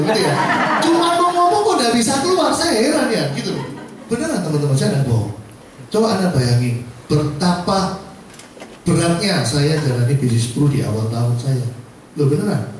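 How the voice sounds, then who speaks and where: A man's voice: a little high, slight background noise. A man giving a motivational talk to a class, joking and poking fun at himself. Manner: joking, self-mocking, lively with laughs. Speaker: motivational speaker. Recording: echoey room, far from mic.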